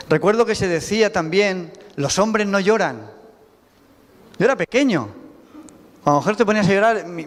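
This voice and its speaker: Emphatic Spanish preacher in a reverberant church. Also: male voice, sits high. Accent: Spanish from Spain. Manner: emphatic, asks the congregation rhetorical questions. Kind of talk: sermon. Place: church sanctuary. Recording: reverberant church hall with faint music.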